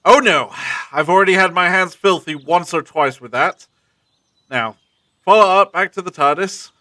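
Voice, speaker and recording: A man playing a brisk, secretive time-travelling adventurer in an audio drama, with a commanding, theatrical, abrupt manner. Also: sits high, bright, forceful tone, dry recording. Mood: urgent.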